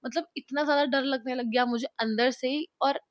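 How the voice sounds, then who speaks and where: A young woman vlogger telling a personal story to camera in a casual, animated way, mixing English words into her speech. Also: sits high, brisk, no room sound, studio quality. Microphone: clip-on mic, later camera mic after battery died.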